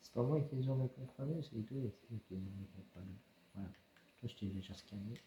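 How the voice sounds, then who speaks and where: A man with a fairly low voice gives loose let's-play commentary from home. He mutters half to himself, chuckles often and coaxes the game creatures. A faint hiss sits under his voice. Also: moderate pace. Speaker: gamer playing a survival game.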